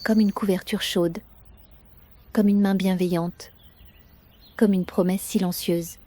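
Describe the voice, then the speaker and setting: A woman narrates a guided bedtime sleep story in a soft, gentle, soothing manner, unhurried and with long pauses. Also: mid-range voice, fairly even intonation.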